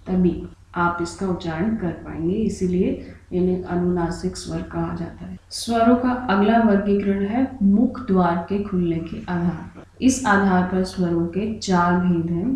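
A woman's voice: medium pitch, warm tone, slight background noise. A woman teaching a grammar lesson for exam preparation, explaining patiently and spelling out each example. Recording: very echoey room.

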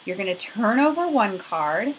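This woman in her thirties speaks in a sing-song, medium-pitched voice at a moderate pace as she guides little kids through a craft and cheers them on. Her home webcam captures it in a small furnished room. The recording is rough, with slight background noise.

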